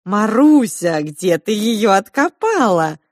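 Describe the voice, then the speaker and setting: A woman voicing a brash, teasing vampire man in a storybook reading, loud and drawn out. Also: medium pitch, big pitch swings, slow pace, dry recording, studio quality, voice pushed up.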